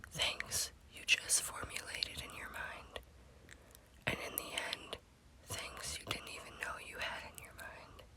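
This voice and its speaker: The recording quality is low. A woman whispers breathily and quietly as she hosts a spooky ASMR story series, her delivery unhurried and deliberate.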